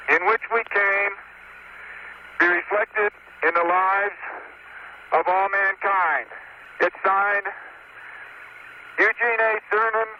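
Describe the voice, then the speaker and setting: Man over crackly space radio. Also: high-pitched. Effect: crackly space radio transmission. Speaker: astronaut on the lunar surface. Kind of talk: formal ceremonial address. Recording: noisy, muffled radio link.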